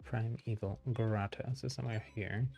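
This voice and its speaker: A man's voice: lowish voice, steady tone, moderate pace, gravelly, darkish tone, soft background music. A man wearing a retainer, giving casual, rambling game commentary as a streamer and thinking aloud.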